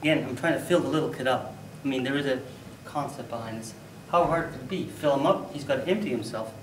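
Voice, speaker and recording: A man giving a humorous storytelling speech at a contest, animated, with loud bursts for sound effects. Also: mid-range voice, quick pace, slight background noise. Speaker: contest speaker. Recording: echoey hall, mic from far off.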